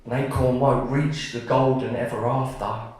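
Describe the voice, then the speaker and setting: A man performing his poems live, reciting in a rhythmic, measured way with offhand asides between pieces. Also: mid-range voice, level tone, darkish tone. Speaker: spoken word poet. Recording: echoey venue, mic from far off.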